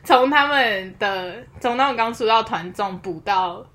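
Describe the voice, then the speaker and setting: A woman's voice: fairly high pitch, unhurried, a bit bright. A young woman with a Taiwanese accent, chatting casually as a podcast co-host. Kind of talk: casual chat about Korean pop idols.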